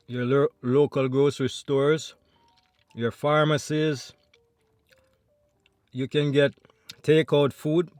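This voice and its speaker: A man's voice: medium pitch, no echo. A Jamaican man chatting to viewers between bites in a mukbang eating vlog at home. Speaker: food vlogger.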